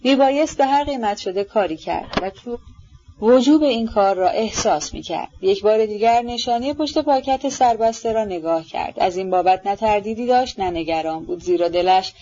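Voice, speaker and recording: A woman reading a classic novel aloud as an audiobook narrator, in a measured storytelling manner. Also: medium pitch, animated, mellow, lo-fi sound. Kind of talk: scripted literary narration.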